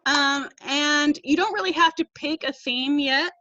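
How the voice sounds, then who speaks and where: A woman teacher with a high, sharp voice leads an online class over a video call, explaining patiently and a little slowly while reading quotes aloud. Her laptop mic gives dull lo-fi audio with no room sound.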